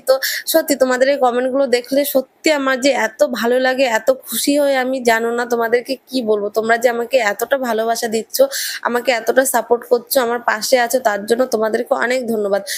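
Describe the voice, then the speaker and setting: A woman's voice: on the high side, dry recording. A young woman with a Bengali accent, a village vlogger, chatting to viewers in a rambling voice-over while she narrates her chores, tired and unwell. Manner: warm, rambling, addresses viewers directly.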